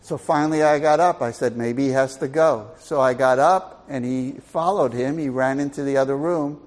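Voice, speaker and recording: A man's voice: mid-range voice, moderate pace. An older man giving a Bible teaching sermon in a folksy, storytelling and emphatic way.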